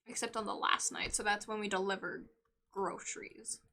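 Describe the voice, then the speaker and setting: A young woman streaming a game live, chatting playfully as she plays, with sudden loud outbursts and giggles. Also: medium pitch, level tone, moderate pace.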